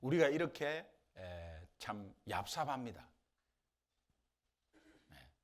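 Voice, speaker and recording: A middle-aged man preaching a sermon as pastor, telling stories in an animated way, with dialect impressions and laughter. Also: mid-range voice, slow pace. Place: church sanctuary.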